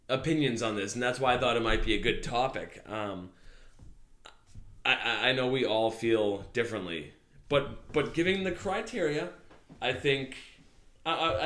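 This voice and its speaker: A man's voice: medium pitch, pushed and bright. A man co-hosting a casual podcast. He lays out a discussion topic with many "um"s and restarts. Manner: hesitant, many "um"s and restarts while laying out a topic. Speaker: podcast co-host. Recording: roomy echo.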